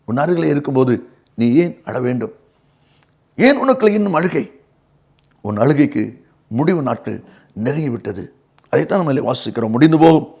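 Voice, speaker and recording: A man's voice: a little high, darkish tone, slightly rough. A man with a Tamil accent preaching a televised devotional sermon, stressing his points by saying them twice. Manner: emphatic preaching, repeating lines for emphasis.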